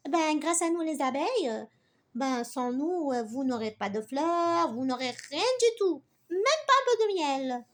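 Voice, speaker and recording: A proud, touchy bee scolds in a high, loud voice, as a woman puts her on. Her pitch leaps around, her protests tumble out with fillers. A storybook creature, quick to feel wronged. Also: animated. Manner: indignant, rapid outbursts with fillers.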